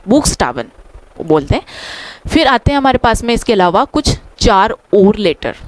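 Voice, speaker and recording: A woman's voice: mid-range voice, dry recording. A woman with an Indian accent teaching the alphabet as a language teacher, patient and repeating each answer.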